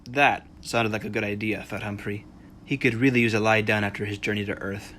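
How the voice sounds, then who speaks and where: A man's voice: on the low side, steady tone, fairly quick, a bit bright, lightly acted. A man narrating a comic tale as a droll, mild storybook narrator, wry and understated. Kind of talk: scripted narration. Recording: faint background noise.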